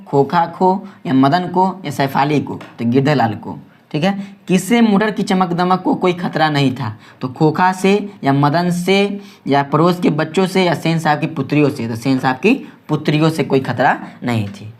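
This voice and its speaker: A man with a Bihari Hindi accent teaching an exam-prep lesson, rushing through quiz questions and checking in with his students over and over. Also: on the high side, darkish tone. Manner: quick, repetitive, keeps asking "ठीक है?".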